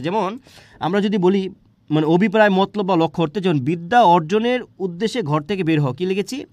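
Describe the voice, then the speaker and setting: A man's voice: sits high, a little mellow, no room sound. A man teaching a spelling lesson for exam preparation, asking his students questions and answering them himself.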